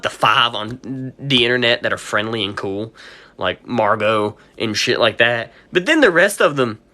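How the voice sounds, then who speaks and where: A man's voice: mid-range voice, bright, forceful tone. A man who owns a pet store, ranting on a casual livestream, swearing often and sounding heated.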